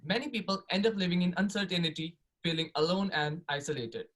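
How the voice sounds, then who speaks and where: Guy presenter reading from script, slightly high voice. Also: fairly quick, a bit bright, low-quality recording. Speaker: student presenter.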